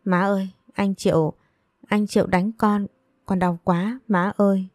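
A woman's voice: fairly low pitch, moderate pace, mellow, no room sound, studio quality, close to an everyday voice. A woman voicing a tearful, wheedling young woman in a romance story, speaking in a plaintive, whimpering way.

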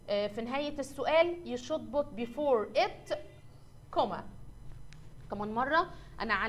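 A woman's voice: high-pitched, slight background noise. A woman teacher with an Egyptian Arabic accent gives a recorded English lesson, mixing Arabic and English, asking questions and answering them herself, and spelling words out letter by letter. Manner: asks and answers her own questions.

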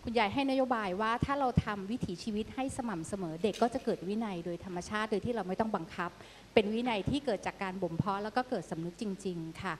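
Fast-talking woman explaining a program. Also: medium pitch, a little hiss or hum. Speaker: volunteer co-host.

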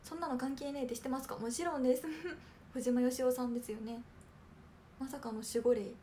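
A young woman from Kanagawa chats on a livestream, answering viewer comments in a polite, soft-spoken way with plenty of little fillers. Her voice sits high and light, and a faint hiss of background noise runs underneath. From Kanagawa, Japan. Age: young adult. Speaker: idol trainee hosting a livestream. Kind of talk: casual livestream chat reading comments.

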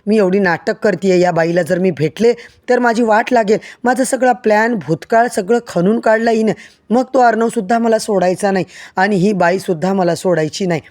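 Narrator voicing a panicking schemer. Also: female voice, mid-range voice, normal speed, a little mellow, natural voice. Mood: panicked. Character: scheming scared woman hiding in bed.

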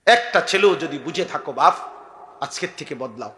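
Fiery high-pitched male preacher. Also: expressive, moderate pace, slight background noise. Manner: impassioned, repeats phrases, rises to shouts. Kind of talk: fiery sermon at a religious gathering.

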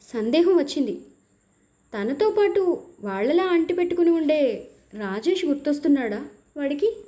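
A woman reading a first-person story aloud with expressive, emotional narration. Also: sits high.

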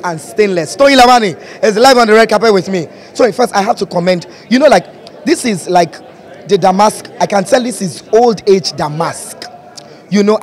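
A man in his thirties with a Nigerian accent hosting with gushing red carpet chatter, effusive and theatrical, piling up flattery into a handheld microphone. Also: high voice. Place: indoor red carpet at a fashion event, before a sponsor backdrop.

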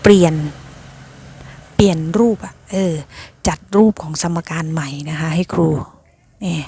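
A woman's voice: on the low side, steady tone, measured pace, mellow, husky. A woman teacher patiently explaining a math lesson to her students, often calling them "child" affectionately.

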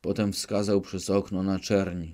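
Man, audiobook narrator, scripted, measured and dramatic, low voice, very slow. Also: level tone, warm tone.

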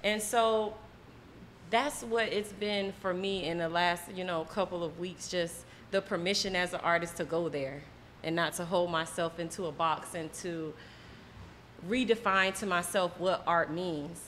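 A woman's voice: fairly low pitch, fairly even intonation, unhurried, a bit bright. A woman actor speaks in a roundtable discussion. She talks reflectively and earnestly about her work, with faint noise in the background.

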